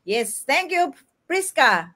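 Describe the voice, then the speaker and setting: A woman hosting a casual live stream from her home, chatting warmly with Filipino fillers. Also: high voice, very animated, takes it slowly. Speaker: host. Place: home in New Zealand.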